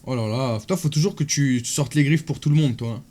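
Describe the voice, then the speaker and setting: A man's voice: mid-range voice, fairly quick, darkish tone. A man streaming live, casually bantering and teasing his chat and friends.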